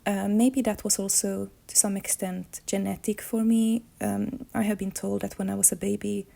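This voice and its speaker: Speaking at a moderate pace in a mid-range, gravelly, even voice, a Finnish woman whose first language is Swedish reflects on her life. She is an illustrator and comics artist, and her delivery is thoughtful, with moments of searching for words.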